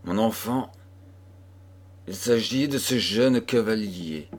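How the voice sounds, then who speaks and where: A grieving mother weighed down by a dark secret, speaking gravely and with sorrow in a storybook reading, as a man voices her in his own low voice. Her words come slowly and heavily.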